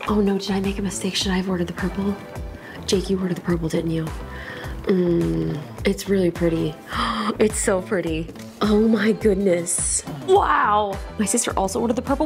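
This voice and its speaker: A woman hosting a casual unboxing vlog from her own studio, bubbly and excitable and gushing over what she unpacks. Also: medium pitch. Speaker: tech YouTuber host.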